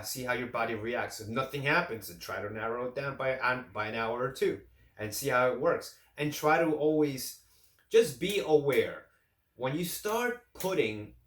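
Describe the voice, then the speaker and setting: A man in his late thirties chats casually about his eating routine, circling and restarting his sentences as he goes. His voice sits at an ordinary middle pitch. The room around him is echoey. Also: a bit bright. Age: late 30s. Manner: rambling, repeats and restarts phrases. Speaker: fitness vlogger. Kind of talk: casual talk to camera.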